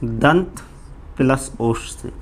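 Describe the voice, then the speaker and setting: A man teaching Hindi grammar in a live online class, asking his students questions and answering them himself, often calling them "friends". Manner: keeps repeating "friends" to address students; drops low and slow on each answer. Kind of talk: live online exam-prep lecture.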